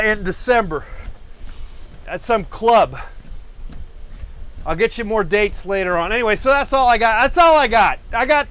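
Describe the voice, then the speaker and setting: Walking on a treadmill in a cluttered indoor studio, a man hosts a live painting stream through a lapel mic. His voice is high and a little bright, with a clean tone. His chat rambles in a meandering, self-deprecating way, full of fillers and restarts.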